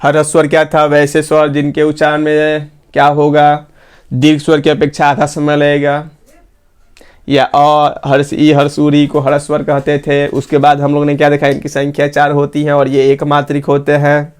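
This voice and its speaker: A man teaching a grammar lesson, asking the class questions and answering them himself, and repeating phrases slowly so they can be written down. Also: fairly high pitch, monotone, clean tone.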